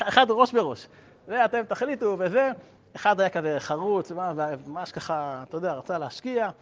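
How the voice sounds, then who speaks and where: High-voiced man teaching a religious class. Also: lo-fi sound. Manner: conversational, asks the class questions and tells anecdotes. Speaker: Torah teacher.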